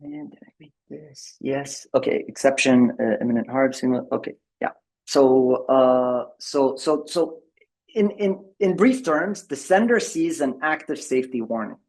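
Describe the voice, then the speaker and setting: The recording is rough, capturing a man's medium-pitched, slightly mellow voice at a somewhat slow pace. He presents on tech at a members' meeting over video call, his conference talk heavy with fillers and restarts.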